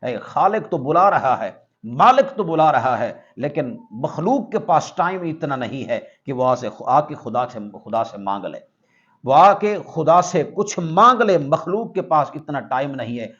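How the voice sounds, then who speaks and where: A man's voice: fairly high pitch, big pitch swings, a bit bright. A man preaching a sermon, emphatic and declamatory, repeating his points. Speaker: Islamic preacher. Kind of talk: Urdu sermon. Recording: dull lo-fi recording.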